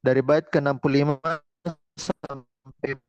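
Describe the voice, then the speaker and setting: A man teaching as an ustaz in an online lecture. His voice comes over a video call with choppy audio that keeps breaking up. He speaks deliberately and often adds "ya". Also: medium pitch, flat delivery, darkish tone, dry recording. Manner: deliberate, repeats "ya" often, chants Arabic verse. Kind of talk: online lecture on Arabic grammar. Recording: dull, dry, cutting-out call audio.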